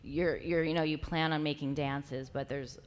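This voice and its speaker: Speaking as a guest on a live panel before an audience, this New York woman has a notably low voice for a woman. Her delivery is dry, self-deprecating and matter-of-fact, with fairly even intonation at a normal speed.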